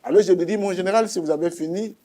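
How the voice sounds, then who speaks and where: With a Congolese accent and a gentle, mellow voice a bit high for a man, a guest shares his religious testimony at a quick pace. He narrates emphatically, going back over points to drive them home.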